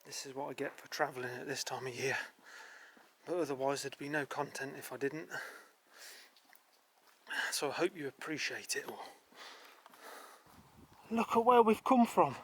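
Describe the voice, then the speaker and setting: A male travel vlogger narrates his walk across muddy, misty fields, complaining about the weather as he goes. He speaks at medium pitch and normal speed with long pauses, his voice a bit bright, and there's slight background noise.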